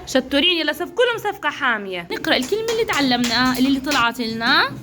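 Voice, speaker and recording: A young woman with a Levantine accent teaching small children in a classroom, cheering them on and slowly sounding out syllables. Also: high-pitched, very animated, noisy background. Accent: Levantine Arabic. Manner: encouraging, praises often, drawn-out sounding of syllables. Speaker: kindergarten teacher. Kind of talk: classroom phonics drill.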